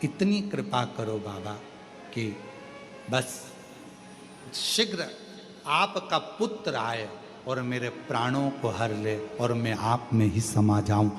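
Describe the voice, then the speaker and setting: A man voicing a humble male demon who pleads in a low, soft voice, with long reverb and music behind. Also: slow pace, pauses often, close to an everyday voice. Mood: pleading.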